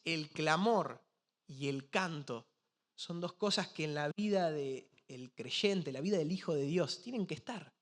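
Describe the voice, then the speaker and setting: A man preaching a sermon with a Rioplatense Spanish accent, asking many rhetorical questions and swinging between soft and loud passages. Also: sits high. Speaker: pastor.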